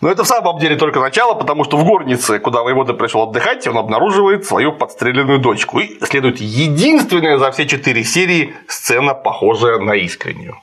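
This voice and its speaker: A man's voice: mid-range voice, big pitch swings, fast talker, hardly any pauses, fairly bright tone, husky. A man chatting casually while critiquing a film, sarcastic and digressive. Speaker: co-host reviewing a film.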